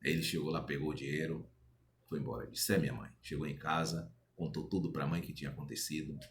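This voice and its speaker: A man's voice: rumbling low, level tone, quick pace, a little hiss or hum. A man telling a folk tale aloud, rambling and repeating himself as he goes. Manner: rambling, repetitive, restarts words. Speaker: storyteller. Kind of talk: oral folk tale storytelling.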